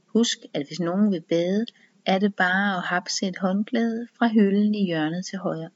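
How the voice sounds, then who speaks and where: A woman reading the lines of a man hosting a garden party, brisk and welcoming. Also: mid-range voice, no room sound, dull audio, close to an everyday voice. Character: festive man dressed as a witch, hosting.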